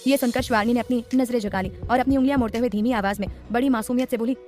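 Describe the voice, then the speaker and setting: A woman narrating a romance audiobook in brisk, even storytelling. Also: on the high side, faint music behind. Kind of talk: scripted narration.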